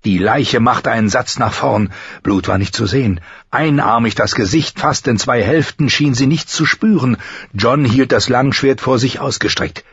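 A man's voice: medium pitch, normal speed, fairly bright tone, husky, no room sound, muffled recording. A man narrating a fantasy audiobook with tense, vivid storytelling. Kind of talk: dramatic fantasy audiobook reading.

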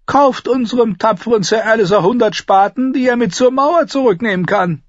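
A man voicing a quick-witted, sardonic dwarf nobleman, talking loud and teasing in a raised voice. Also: very high voice, no room sound, lo-fi sound, pitched above the performer's own voice. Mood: mocking.

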